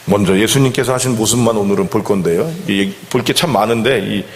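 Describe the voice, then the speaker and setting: A man's voice: lowish voice, a little fast, a little hiss or hum. A male pastor preaching a sermon in a conversational way, often putting questions to the congregation. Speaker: senior pastor. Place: church sanctuary. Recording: long church hall reverb.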